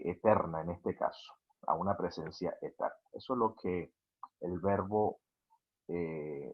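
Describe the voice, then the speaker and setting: A man giving a slide lecture on Hebrew words, checking in with listeners through frequent asides, hesitating with fillers and spelling words out slowly. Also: fairly low pitch, slightly rough, highs cut off. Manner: hesitant, with many "eh" fillers and restarts.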